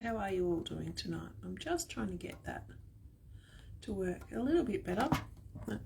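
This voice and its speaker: A woman talks her viewers through her skincare routine, gushing and fond. Her voice has a gravelly, creaky texture at an ordinary middle pitch. She is filmed from a camera set a little way off, with a faint noise underneath. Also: big pitch swings, normal speed. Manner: chatty, gushing, addresses viewers fondly. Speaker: skincare product seller. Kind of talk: live skincare demonstration. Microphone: camera set at a distance.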